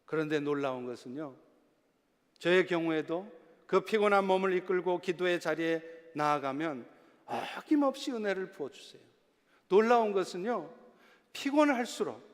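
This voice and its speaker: A man preaching a sermon as a pastor in a church, swinging between loud, emphatic passages and hushed, soft ones. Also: high voice. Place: church sanctuary. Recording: long reverb of a church hall.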